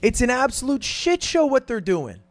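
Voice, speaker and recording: A high-pitched man delivers blunt video commentary with big swings in intonation. He is exasperated and swears freely, and the recording is close and dry. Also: big pitch swings, moderate pace, no echo. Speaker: online commentator. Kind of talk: animated opinion video commentary.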